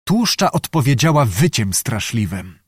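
A man reading a historical novel aloud as an audiobook narrator, in a measured, dramatic storytelling manner. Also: medium pitch, very animated, slightly rough, no room sound, clean studio sound.

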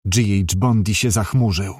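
A man narrating an audiobook in a lively, expressive storytelling manner. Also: lowish voice, a little slow, no echo, studio quality.

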